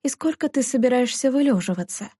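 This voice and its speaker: A woman's voice: expressive, brisk, mellow, slightly rough, dry recording, studio quality. A woman reading aloud, voicing a stingy, domineering elderly aunt who fusses and complains. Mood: bossy fretful. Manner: shrill, fretful and bossy.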